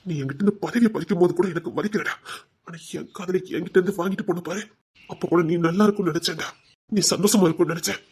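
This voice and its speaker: An actor playing a bitter, vengeful man who swears revenge in a TV serial, threatening, at times shouting and at times sobbing. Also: steady tone, fast, breathy edge. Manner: bitter, menacing, swings loud to low. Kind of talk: TV serial drama.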